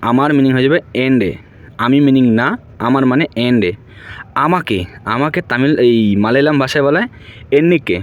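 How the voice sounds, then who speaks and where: A man's voice: mid-range voice, a little fast, phone-quality sound. A man giving a casual spoken language lesson, repeating each word and often checking with "right?". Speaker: language teacher.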